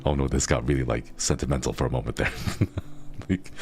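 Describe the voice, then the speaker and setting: A man in his thirties chatting casually on a livestream, rambling along with lots of "like" fillers. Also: very deep voice. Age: 30s. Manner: relaxed rambling with frequent "like" fillers. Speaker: streamer.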